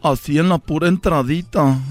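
A man's voice: fairly high pitch, normal speed, lightly acted. A Mexican man voicing a coy, flirtatious male patient talking to a doctor in a sing-song way.

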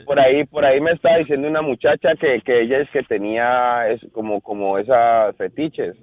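Man, casual chat, animated storyteller, dull lo-fi recording. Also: medium pitch, a little fast, no echo. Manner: storytelling, animated, repeats himself when worked up.

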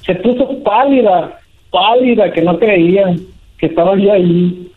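A man's voice: high voice, a little slow. A man with a Mexican accent telling his story hesitantly on a phone call, filling his talk with "pues" and "¿verdad?". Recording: tinny phone line.

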